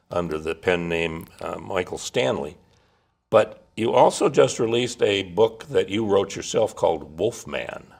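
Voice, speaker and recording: Gravelly deep-voiced man hosting. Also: a little mellow. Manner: hesitant, many fillers. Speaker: guest host. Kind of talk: TV interview hosting. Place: Minnesota.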